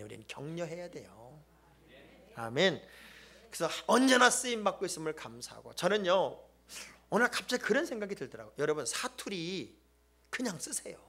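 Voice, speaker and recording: A male pastor delivers a lively sermon in a bright, high voice that leaps up and down in pitch. He jokes with the congregation, booms out his key points and drops to near-whispers for asides. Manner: animated, joking and emphatic, swings between loud exclamations and hushed asides. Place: church sanctuary.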